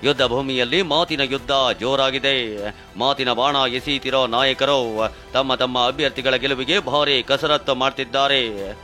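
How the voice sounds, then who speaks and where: Male news narrator, bright, forceful, punchy, Kannada accent, light music bed. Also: medium pitch, steady tone, a little slow. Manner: dramatic, punchy delivery. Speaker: news reporter. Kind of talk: scripted news voice-over.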